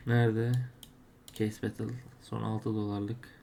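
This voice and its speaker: A man's voice: on the low side, flat delivery, slow pace, vocal fry, warm tone, slight background noise. A man narrating his case openings as he plays, grumbling and exclaiming whenever he loses. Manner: frustrated, exclaiming at losses. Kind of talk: live commentary while opening cases.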